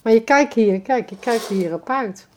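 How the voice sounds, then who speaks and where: A woman telling neighbourhood stories in a casual interview, lively and acting out conversations. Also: on the high side, normal speed, a little hiss or hum. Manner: lively, acts out conversations in quoted voices. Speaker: neighbourhood resident being interviewed.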